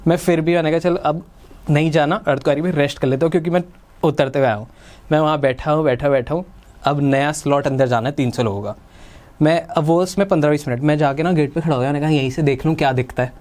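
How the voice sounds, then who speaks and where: A young man with a Delhi Hindi accent hosts a podcast and tells a personal story. His voice sits a little high for a man, and he slips into the voices of the people he quotes. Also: fast, a little mellow. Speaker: podcast host.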